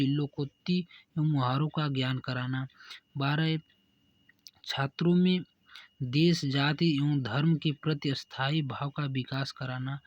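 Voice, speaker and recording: A man who teaches, reading exam answers aloud in a steady dictation-like way and correcting himself now and then. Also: fairly high pitch, dry recording, lo-fi sound.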